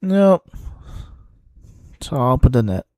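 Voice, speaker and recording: Slow-talking man watching a match. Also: medium pitch, mellow, no room sound. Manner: halting, restarts words, thinks aloud. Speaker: watchalong streamer. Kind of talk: casual live match commentary.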